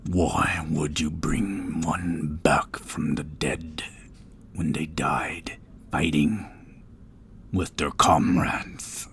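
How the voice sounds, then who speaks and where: Man voicing an ancient stone statue god, deep and slow. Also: steady tone, fairly bright tone, full character voice. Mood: solemn. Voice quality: very deep, breathy rumble. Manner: slow, weighty speech like a talking tree.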